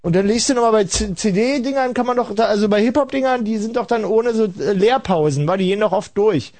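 This radio host speaks in a high, slightly mellow voice at a brisk clip, with no room sound. On his late-night call-in show he rambles ironically, talks with callers, and refers to the audience as kids.

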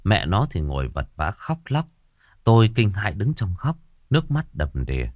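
A man telling a ghost story with dramatic flair. His pitch moves a lot as the tension builds, and the recording is dry and close, with no room sound. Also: normal speed, no echo. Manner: dramatic, expressive. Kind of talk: horror story narration.

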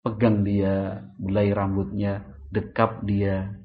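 A man's voice: fairly low pitch, slow, phone-quality sound. A man giving a religious study lecture, talking animatedly and asking his listeners questions. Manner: lively, rhetorical questions to the audience. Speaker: Islamic preacher.

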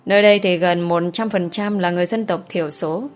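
A woman reading an audio novel in a steady voice. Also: fairly low pitch, a little fast, faint music behind. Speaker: narrator.

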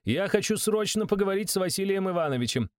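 Man doing brash young woman, high pitched, shouting, dry sound. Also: lively intonation, fast, no room sound. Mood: angry. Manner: rude, shouting, defiant. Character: brash, loud-mouthed young woman mage.

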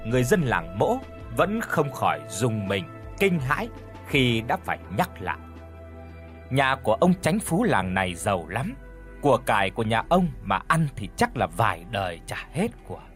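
A man narrating a village horror story in a lively, gossipy way. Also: medium pitch, husky.

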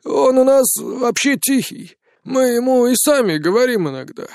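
A man's voice: extremely high pitch, animated, normal speed, creaky, darkish tone, no room sound, studio quality, voice pushed up, exaggerated voice. A man reading an audiobook, voicing a flustered elderly father who rambles in a simple, hesitant way. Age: older.

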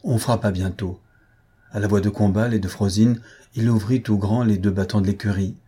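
A man calmly reading a story aloud in a measured, unhurried way. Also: on the low side, breathy edge. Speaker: narrator.

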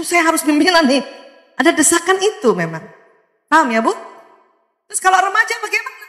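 A woman with a high, bright voice gives a lively parenting talk to mothers. She keeps questioning her audience and laughing. Her voice rings through a large, reverberant hall. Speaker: parenting speaker. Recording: echoey hall with long reverb.

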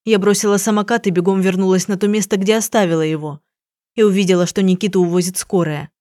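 A woman reading an audiobook, voicing a frightened, tearful young woman who pleads in a high, shaky voice. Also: fairly even intonation, quick pace, warm tone, dry recording, clean studio sound, natural voice. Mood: confessing.

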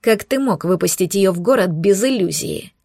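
Шантар: женщина читает злого демона. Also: female voice, medium pitch, lively intonation, moderate pace, vocal fry, darkish tone, no room sound, clean studio sound. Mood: angry. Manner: hissing through teeth, curt. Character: young male demon, angry and possessive.

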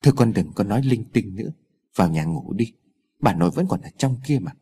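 An exhausted, short-tempered father scolds his child in a ghost story. His speech is stern and flat, with a warm, husky tone, as a male narrator plays him. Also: on the low side, a little fast, pitched below the performer's own voice. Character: tired, irritable middle-aged father.

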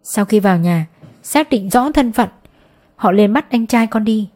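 A woman narrating a dramatic audiobook in a steady, expressive way. Her voice sits at an ordinary middle pitch, measured and clear. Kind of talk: scripted narration.

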